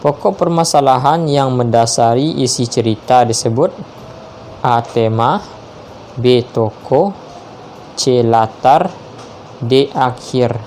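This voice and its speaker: A man slowly reading multiple-choice quiz questions aloud and confirming each answer. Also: mid-range voice, a little mellow, slight background noise. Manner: measured, spells out each option, confirms answers with "ya".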